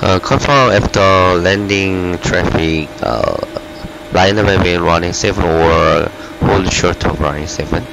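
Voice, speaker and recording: A deep, gravelly man with a Korean accent speaks as an airline pilot into a cockpit headset. He rattles off clipped radio readbacks at high speed, with a few hesitations along the way. A loud, steady hiss sits under his voice. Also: slow. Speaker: virtual airline pilot on a flight-sim network. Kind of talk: radio readbacks to air traffic control.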